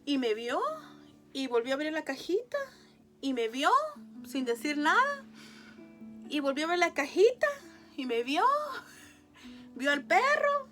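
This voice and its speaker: A woman's voice: high voice, lively intonation, measured pace, pauses often, a bit bright, faint music behind. A woman, giving an emotional church testimony, tearful and laughing as she speaks to the congregation. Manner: tearful, laughs often, addresses audience as brothers.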